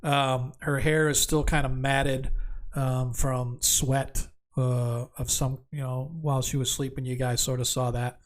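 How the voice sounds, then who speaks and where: A man narrating a tabletop fantasy game as game master, improvising descriptions in a halting way. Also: medium pitch, flat delivery.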